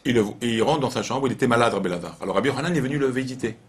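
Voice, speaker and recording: Man, rabbi, informal Torah lesson, animated storytelling, repeats phrases. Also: medium pitch, rapid-fire, slight background noise.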